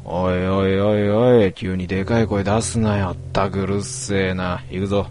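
A man playing a gruff, dismissive young guy. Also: sits low, little pitch movement, normal speed, a little mellow, slight background noise, natural voice. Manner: gruff, blunt slang.

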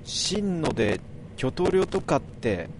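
A man reading aloud, voicing an excitable young friend with a chirpy, quick voice, with vehicle noise behind. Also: mid-range voice, voice pushed up. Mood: playful.

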